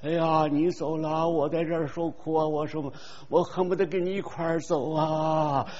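A man's voice: on the high side, level tone, normal speed, a little mellow, slight background noise, close to an everyday voice. A man voicing a grieving rural widow who wails and pleads at her husband's coffin, in a dull recording with long hall reverb. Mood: wailing grief. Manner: wailing, pleading.

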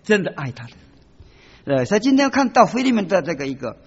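A man preaching, his high, husky voice leaping around as he acts out each person he quotes. The recording is dull and lo-fi, with a long reverb trailing off the hall walls. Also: very animated, fast. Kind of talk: sermon.

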